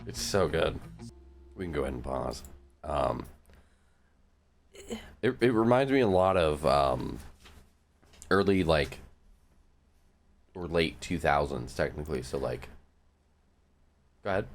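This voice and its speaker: Deep-voiced man, loose joking podcast chat. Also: animated, slow pace, gravelly, long pauses, faint music behind. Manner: loose, joking, swears freely. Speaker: podcast co-host. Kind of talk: casual chat about music.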